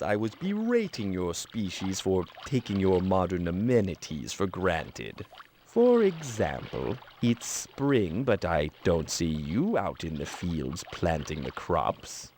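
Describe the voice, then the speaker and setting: Snooty, sarcastic creature that talks down to humans, voiced by a man, very low and slow with wild pitch swings. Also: very animated, a little mellow, slight background noise, full character voice. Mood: condescending. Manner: sarcastic, condescending, lecturing. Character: snooty male talking toy creature that looks down on humans.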